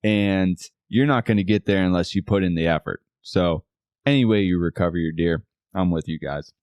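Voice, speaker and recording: Very deep-voiced man, plain-spoken podcast guest. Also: moderate pace, darkish tone, no room sound, clean studio sound. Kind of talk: casual podcast chat.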